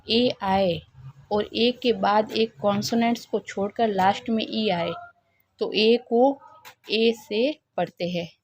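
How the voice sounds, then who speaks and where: A woman teaches a phonics lesson at a slow, steady pace. She spells out letters one at a time and repeats her own questions. Her voice sits in a middle pitch. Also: a little hiss or hum.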